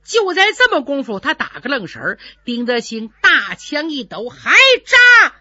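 A woman's voice: high voice, sing-song, moderate pace, bright, forceful tone, no room sound. A woman telling a traditional story in a dramatic, vivid way, with sound effects she makes with her voice. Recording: dull lo-fi recording.

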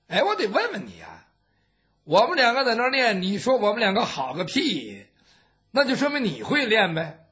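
A man's voice: sits high, huge pitch swings, moderate pace, a bit bright, heavily acted. A man voicing a pushy young martial-arts trainee who keeps demanding answers. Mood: challenging. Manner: challenging, demanding. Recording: dull lo-fi recording.

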